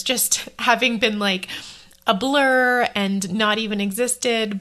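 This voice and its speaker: Bright-voiced chatty woman podcaster. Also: medium pitch. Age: 30s. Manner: chatty and rambling, quick self-corrections. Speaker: podcast host. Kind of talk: casual solo podcast chat.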